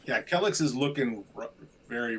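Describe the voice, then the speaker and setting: Dude at a dnd table, relaxed chatty player talk, mid voice. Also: male voice, mid-range voice, normal speed, slight background noise. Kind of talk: casual tabletop game chat.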